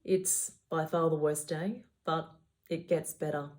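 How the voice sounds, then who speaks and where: A woman's voice: low-pitched, steady tone, unhurried, darkish tone. A woman speaking as a surgeon, giving patients instructional advice in a matter-of-fact, reassuring way.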